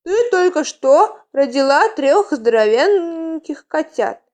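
A woman voicing a young male cat healer in a storybook, speaking softly and reassuringly at a slow pace. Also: sits high, expressive, voice pushed up.

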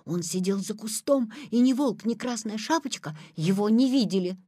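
Woman storyteller, lively pitch, dry close mic. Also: normal speed, breathy edge, no room sound. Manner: expressive, animated. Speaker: narrator. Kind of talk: storybook reading.

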